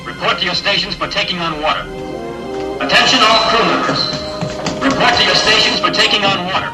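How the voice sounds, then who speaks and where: An actor playing an airship crewman who calls clipped orders over the ship's loudspeaker, heard from far off with echo. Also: high-pitched, brisk. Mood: commanding. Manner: loud, clipped, commanding calls. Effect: ship loudspeaker announcement. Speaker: crew member announcing orders. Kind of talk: film drama acting. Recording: echoey loudspeaker from far off, loud music.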